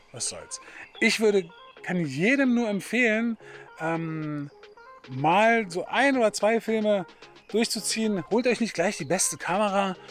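A middle-aged man from Berlin talking casually to camera as a photography host, chatty and hesitant with many fillers. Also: high-pitched. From Berlin, Germany.

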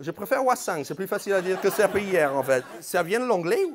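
High-voiced man teasing a club crowd. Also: very animated, fairly quick. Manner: playful, teasing, mock-outraged at the crowd. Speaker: stand-up comedian doing crowd work. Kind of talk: stand-up crowd work. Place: comedy club stage. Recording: live club audience audible.

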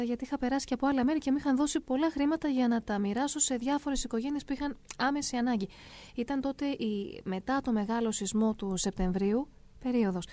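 A middle-aged woman calmly and earnestly telling a first-person story aloud. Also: a little high. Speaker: narrator of a personal testimony.

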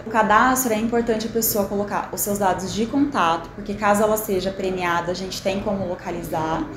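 A woman in her thirties, a municipal official, calmly explaining how a prize program works in an interview. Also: medium pitch, echoey room, noisy background. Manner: clear and explanatory.

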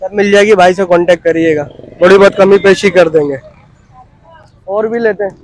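High-voiced chatty man vlogging. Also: fairly quick, slight background noise, poor audio. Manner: chatty, repeats prices and addresses viewers. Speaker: vlogger touring a market. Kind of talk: casual walkthrough vlog, asking prices. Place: busy outdoor street market.

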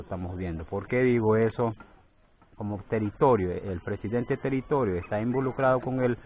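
Halting low-voiced man, tinny phone sound. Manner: halting, repeats words, grows forceful when protesting. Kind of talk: outdoor field interview. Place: outdoors by a forest clearing. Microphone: phone held near the face.

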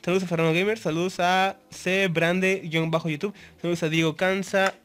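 A man's voice: high-pitched, flat delivery, fairly quick, a bit bright. A man with a Mexican accent giving live gameplay commentary, chatty and constantly greeting viewers. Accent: Mexican Spanish. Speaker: gaming YouTuber.

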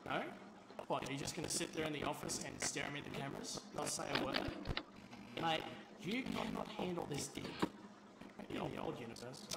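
A man's voice: on the high side, fairly quick, vocal fry, very noisy. A man voicing a cocky, foul-mouthed animatronic villain in a game, taunting and swaggering. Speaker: game character.

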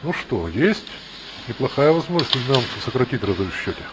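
A man's voice: mid-range voice, very animated, brisk, noisy background. A man giving live play-by-play ice hockey commentary, mixing exclamations with analytical asides.

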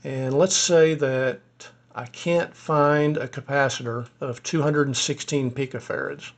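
A man giving a casual screen-recorded tutorial as a ham radio hobbyist, explaining step by step in a relaxed way with a few fillers, his voice a little hoarse. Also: mid-range voice, measured pace.

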